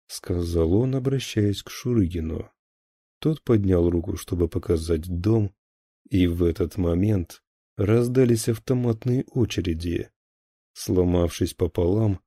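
A man narrating a thriller audiobook in a steady, even storytelling voice. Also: sits low, measured pace, breathy edge, dry recording.

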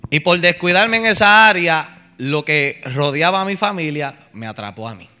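A man's voice: fairly high pitch, expressive, moderate pace, bright, forceful tone, clean tone. A man preaching a fervent, emotional testimony in a pleading manner. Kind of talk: sermon testimony.

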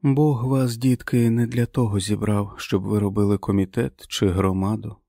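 A man voicing a frail, very old prophetic woman who speaks slowly and solemnly, in an audiobook. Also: lowish voice, fairly even intonation, vocal fry, warm tone, no echo, studio quality. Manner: slow, solemn, preaching. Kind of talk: audiobook character voice.

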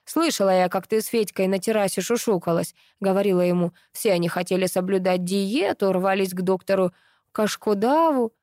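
A woman reading an audiobook, voicing a grumpy, sharp-tongued female housekeeper with a creaky, blunt, scolding manner. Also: mid-range voice, a little fast, no room sound, clean studio sound, natural voice.

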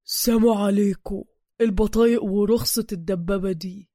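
A woman voicing a gruff male checkpoint thug with a gravelly voice and slow mocking speech. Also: medium pitch, steady tone, dark tone, no echo, studio quality, natural voice.

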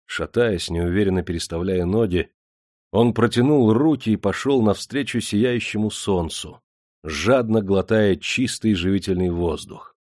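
Man, audiobook narrator, low voice, steady measured telling, dry studio sound. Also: dry recording.

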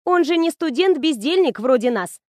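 A woman reading the lines of a lively young woman student who teases her friend in an audiobook. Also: high-pitched, normal speed, no echo, clean studio sound, voice pushed up. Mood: teasing. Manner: bubbly, teasing, animated.

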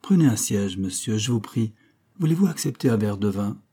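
A man's voice: fairly low pitch, expressive, normal speed, dark tone, slightly rough. A man voicing a young curate who speaks politely and placatingly, close to his own reading voice.

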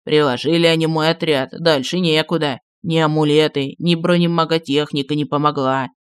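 Мужчина-чтец аудиокниги озвучивает старого маршала в отставке, неторопливого и ворчливого, который вспоминает былое. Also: male voice, fairly even intonation, clean tone, no room sound, natural voice. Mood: reminiscing. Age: older. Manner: slow, low, grumbling reminiscence. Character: old retired marshal, gruff, nostalgic, secretive.

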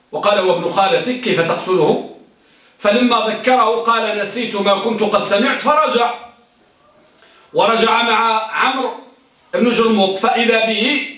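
High, bright man teaching in an echoey room. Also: distant mic. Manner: explanatory, repeats words, asks the class questions. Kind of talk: grammar lesson lecture.

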